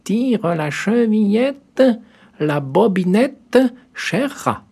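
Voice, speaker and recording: A man voicing a wolf who fakes a sweet old grandmother's voice in a fairy tale, in a drawn-out syrupy falsetto. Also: sing-song, creaky, a little mellow, husky, exaggerated voice. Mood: coaxing.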